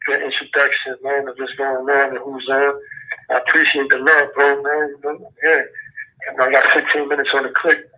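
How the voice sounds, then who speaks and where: A man's voice: mid-range voice, level tone, normal speed. Brooklyn man over a tinny prison phone. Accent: Brooklyn New York. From Brooklyn, New York. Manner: laid-back street slang, repeats "you know what I'm saying". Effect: heard over a prison phone line. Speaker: incarcerated rapper calling in as guest. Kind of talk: casual phone interview.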